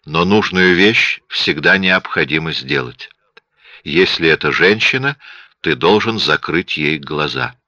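A man reading a story as an audiobook narrator, in a steady even delivery, on dull lo-fi audio. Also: extremely low pitch, measured pace, no room sound. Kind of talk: scripted narration.

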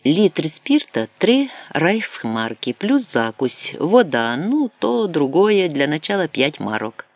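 A man's voice: on the high side, sing-song, takes it slowly, no echo, voice pushed up, full character voice. A man doing a fawning old Muscovite hustler. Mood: wheedling. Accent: Moscow Russian. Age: older. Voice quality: fawning, falsely polite, mixes broken Ukrainian with Russian. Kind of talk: audiobook character voice.

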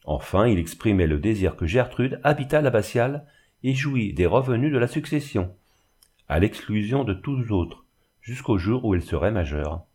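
A man reading a classic novel aloud in a steady, literary narration. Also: lowish voice, moderate pace, breathy edge. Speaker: audiobook narrator. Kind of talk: scripted narration.

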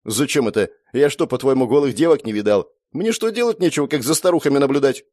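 A man voices a cocky, boastful teenage boy, a daydreaming younger brother who cheekily teases his older sister and turns whiny when he daydreams. His medium-pitched voice, raised above his natural register, is expressive, fast, and a little mellow, lightly acted and recorded dry with clean studio sound.

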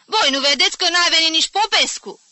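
Grumpy commanding old lady shouting from her room, read by a woman; bright, sharp delivery. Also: very high voice, expressive, dry recording, voice pushed up, full character voice. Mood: thundering. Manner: shouting, scolding, indignant.

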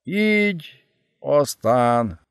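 A man voicing a dying male chieftain who forces out slow, broken words in a faint, halting whisper. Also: a little high, sing-song, clear, resonant tone, dry recording, studio quality, voice pushed up. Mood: dying, anguished.

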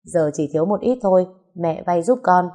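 A woman's voice: lowish voice, normal speed, mellow, close to an everyday voice. Woman voicing a blunt middle-aged son. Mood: persuading. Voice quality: earnest, persuasive.

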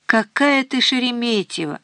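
An exasperated middle-aged mother shouts and scolds in a tense, raised voice, as a woman narrator puts her on. Her lines come fast and sharp. The audiobook sound is dry and close. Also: a little high, animated, no echo, voice pushed up. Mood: frantic.

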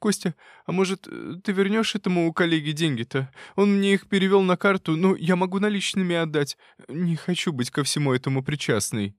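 A man's voice: a little high, brisk, hardly any pauses, no room sound, studio quality, pitched above the performer's own voice, natural voice. A man voicing a naive, fretful elderly woman neighbor who mumbles and frets. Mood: flustered.

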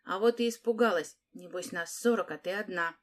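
A woman voicing a bold, fiery ten-year-old girl who shouts out her lines in an audiobook. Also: fairly high pitch, expressive, normal speed, voice pushed up. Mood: defiant.

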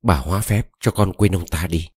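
A man's voice: sits low, moderate pace, breathy edge, no room sound. A man voicing a desperate, lovesick young woman who pleads tearfully, read close to a dry mic.

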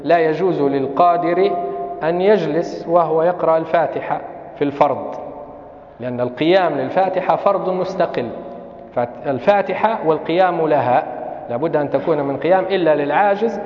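A man's voice: a little high, a little fast. A man with a Libyan Arabic accent, a sheikh giving a classroom lecture on Islamic law, explaining carefully and reciting examples. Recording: echoey hall, dull lo-fi sound.

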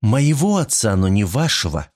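A man's voice: mid-range voice, animated, normal speed, natural voice. Man voicing a polite, indignant young woman. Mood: indignant, furious. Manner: polite turning sharp.

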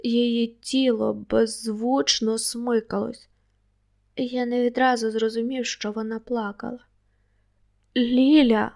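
A woman reading an audiobook aloud in a steady, even first-person storytelling voice. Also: a little high, measured pace, gravelly. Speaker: audiobook narrator.

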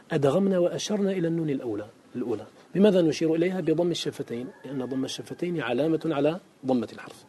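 A man teaching Quran recitation rules in a classical Arabic lesson. He reads verses of a poem aloud, explains them line by line, asks his students questions, and chants the Quranic examples slowly. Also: on the high side, mellow, breathy edge.

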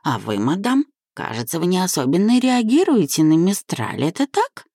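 A woman's voice: on the low side, wildly swooping pitch, normal speed, mellow, no room sound, clean studio sound, pitched above the performer's own voice, heavily acted. A woman voicing a chatty, opinionated older nanny who prattles on.

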